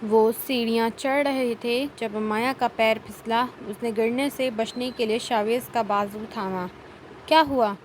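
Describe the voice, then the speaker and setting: A woman narrating a novel as an audiobook reader, in steady storytelling. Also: a little high, slight background noise, rough recording. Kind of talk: novel reading.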